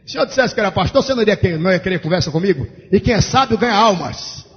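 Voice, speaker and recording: A male pastor, telling a story in a sermon with fervent preaching that rises to shouts. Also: high voice, lively intonation, very fast, a little hiss or hum. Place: large church. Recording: echoey church hall, dull lo-fi sound.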